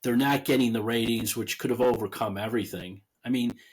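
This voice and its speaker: A man's voice: mid-range voice, fairly even intonation, fairly quick, husky. A man being interviewed as an author, talking in a chatty, loose way, often laughing and restarting his sentences. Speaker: author guest. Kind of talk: casual conversational interview.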